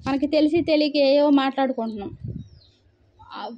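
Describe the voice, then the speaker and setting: A woman's voice: high-pitched, moderate pace, dull audio, slight background noise. A woman preacher reading scripture aloud and explaining it, asking rhetorical questions and answering them herself. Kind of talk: Bible reading and sermon.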